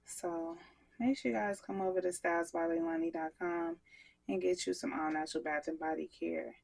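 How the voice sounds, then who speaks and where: A woman's voice: fairly low pitch, steady tone, moderate pace, gravelly, a little mellow, low-quality recording. A woman soap maker chatting casually to her viewers while she works on a craft vlog. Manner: chatty, talks straight to viewers.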